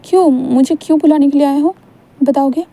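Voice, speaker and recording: A woman's voice: sits high, a little fast, mellow. Woman voicing a patient, caring young man. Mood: sleepy. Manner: soothing, reassuring.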